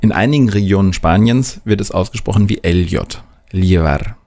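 A man explaining pronunciation in a clear, deliberate way, modelling example words as a language teacher. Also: on the low side, a little mellow. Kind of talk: scripted instructional narration.

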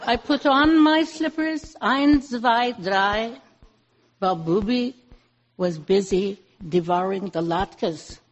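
Woman, lay reader, slow comic verse delivery. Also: mid-range voice, dull audio, a faint crowd. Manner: playful, lively comic delivery. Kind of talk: reading a comic holiday poem aloud.

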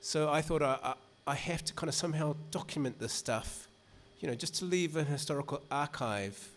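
There's slight background noise as a New Zealand author talks casually to a live audience at a literary event, his voice a little high and brisk. He rambles and chats, restarting sentences again and again and saying "you know" a lot.

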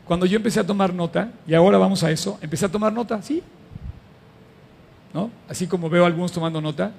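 A middle-aged man preaching a lively sermon to a live congregation, asking the crowd questions as he goes. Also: sits high, quick pace, creaky, breathy edge, in a large hall. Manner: animated and conversational, addresses the audience with questions. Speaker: pastor.

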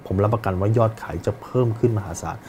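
A man's voice: fairly low pitch, quick pace, a little mellow, slight background noise. A man hosting a business coaching podcast, speaking directly to the listener and demonstrating different tones of voice. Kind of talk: instructional podcast monologue.

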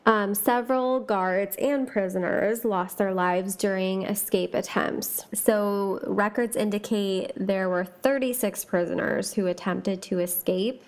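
A woman's voice: mid-range voice, fairly even intonation, a little slow, hardly any pauses. A woman hosting a chatty podcast, talking casually with lots of fillers and asides and reading ghost stories aloud. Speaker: podcast host.

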